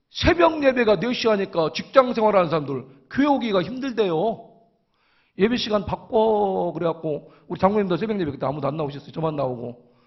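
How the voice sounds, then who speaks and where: A middle-aged man with a Chungcheong accent giving a humorous church talk as an elder, animatedly acting out dialogue. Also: sits high. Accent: Chungcheong Korean. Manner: animated storytelling, acts out dialogue. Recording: dull lo-fi recording.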